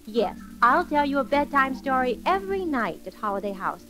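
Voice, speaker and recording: Sweet high-voiced woman storyteller. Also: very animated, normal speed, faint music behind, poor audio. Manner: sweet, gently theatrical storytelling with gasps. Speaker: storyteller and host. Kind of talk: 1940s children's record narration.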